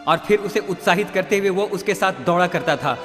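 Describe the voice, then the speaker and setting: A man's voice: high-pitched, fairly quick, in a large hall, over music. A male preacher delivering a dramatic storytelling sermon, often calling out to his listeners. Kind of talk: recorded radio-style sermon.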